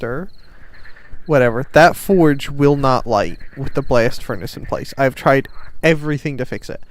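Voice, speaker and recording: A tired man rambling casually and self-deprecatingly to his live stream chat, a little under the weather. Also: medium pitch. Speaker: game streamer.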